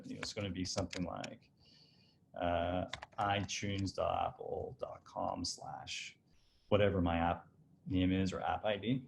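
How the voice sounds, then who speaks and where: A man giving a relaxed, explanatory software walkthrough as a design director, often restarting his phrases as he clicks through a demo. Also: low-pitched, vocal fry, slight background noise. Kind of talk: screen-share software walkthrough.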